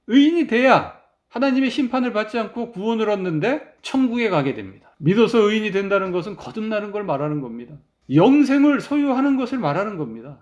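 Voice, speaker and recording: A male pastor delivering a sermon, explaining scripture through storytelling in a slow, deliberate manner, on a dull lo-fi recording. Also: high-pitched, a little mellow.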